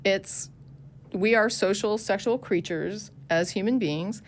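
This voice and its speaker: A woman co-hosting a call-in show, arguing her view in a quick, earnest manner with many restarts. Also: mid-range voice, slight background noise. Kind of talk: casual call-in debate.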